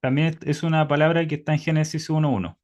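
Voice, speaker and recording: A man's voice: on the high side, steady tone, quick pace, darkish tone. A man teaching Hebrew in an online class by video call, patiently quizzing his students.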